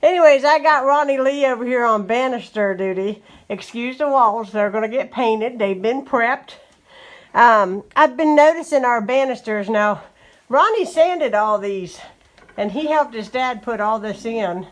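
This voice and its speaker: Her voice is on the high side and a little slow, carrying a West Virginian accent. Inside her home, the vlogger chats casually and a bit breathlessly while displaying a wood-care job and endorsing the product.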